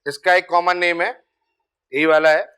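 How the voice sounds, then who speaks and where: A man's voice: high voice, steady tone, moderate pace, bright, forceful tone, clean tone. A man teaching chemistry, talking casually and repeating key terms while checking that students follow. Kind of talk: board lecture.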